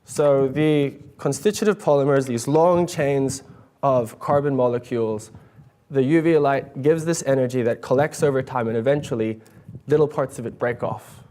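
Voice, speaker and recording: A young man gives a competition pitch and answers judges' questions, earnest and a little halting. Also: mellow. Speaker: student competitor pitching a project. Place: stage at an awards event.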